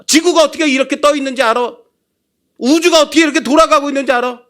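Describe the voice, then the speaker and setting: A man voicing God as an older male deity who scolds and challenges with rapid-fire taunting questions. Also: very high voice, fairly bright tone, voice pushed up. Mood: challenging.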